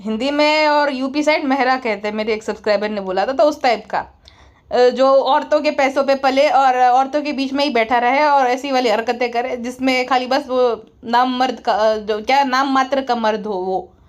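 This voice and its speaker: A woman's voice: sits high, normal speed. A woman doing a casual commentary vlog, blunt and scornful, lecturing her viewers. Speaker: YouTube commentator.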